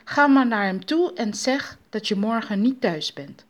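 A woman voicing Ma Akuba, the spider's sharp-tongued, fretful wife, who scolds shrilly. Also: fairly high pitch, animated, measured pace, voice pushed up. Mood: scolding.

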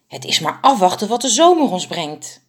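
A woman's voice: mid-range voice, big pitch swings, normal speed. A woman voicing an anxious, plump female bird in a storybook, unsure and pleading.

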